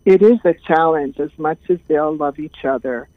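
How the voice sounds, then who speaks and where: A woman, speaking as an interview guest in a calm, thoughtful way with many pauses. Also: low-pitched, dry recording. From Hawaii. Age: 70s. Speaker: guest, caregiving trainer. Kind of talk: casual interview talk. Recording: tinny phone line.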